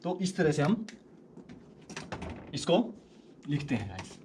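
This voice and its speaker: A man teaching a language lesson in a casual way, slowly repeating words so learners can follow. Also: fairly high pitch, sing-song, a little mellow, a little hiss or hum.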